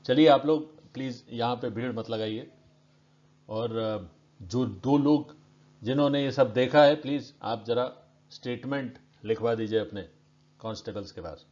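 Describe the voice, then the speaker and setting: A man's voice: mid-range voice, a little slow, a little mellow, close to an everyday voice. A man doing a curt, short-tempered cop. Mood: commanding. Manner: curt, brusque. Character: short-tempered male police officer. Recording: dull lo-fi recording.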